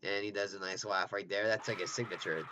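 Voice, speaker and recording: A man's voice: sits low, fairly even intonation, fast. A man talking through his own film as director, in a rambling, self-correcting way with chuckling asides. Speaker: film director giving commentary. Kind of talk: casual director's commentary. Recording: dull lo-fi recording with faint hiss.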